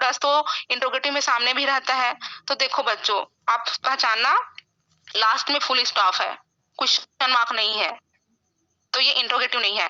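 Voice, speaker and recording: A woman teaching an English grammar class online, with a bright, forceful and fairly high voice. She keeps checking that the students are following as she walks through each rule. The audio is dull and lo-fi. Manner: explains grammar rules, frequently checks in with "है ना?".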